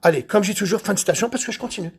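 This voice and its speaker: A man who details cars, chatting casually while he works, excitable, boastful and rambling, with a husky voice. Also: high voice, very fast. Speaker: car detailer. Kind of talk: casual chat while working.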